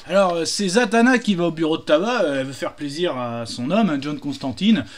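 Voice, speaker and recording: A man's voice: on the high side, expressive, brisk. A man telling jokes casually, hesitant, with many fillers and restarts. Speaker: joke teller.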